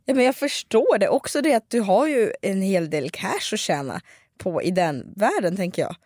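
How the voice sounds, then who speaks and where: A woman's voice: medium pitch, no room sound, studio quality. Chatty Swedish woman telling a story. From Dalarna, Sweden. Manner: animated storytelling with many restarts and fillers. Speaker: podcast host. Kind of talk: casual chat.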